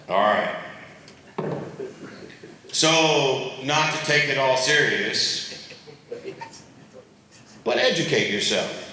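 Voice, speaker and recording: A man's voice: mid-range voice, a little hiss or hum. A man giving a comic, sarcastic debate speech on a convention stage. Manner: wry, sarcastic, lively. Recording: very echoey hall.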